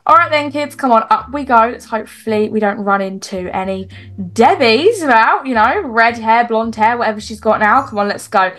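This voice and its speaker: A woman's voice: on the high side, moderate pace, a bit bright, lightly acted. A woman voicing a firm mother in a game role-play, laying down the rules for her kids. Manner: firm, instructing.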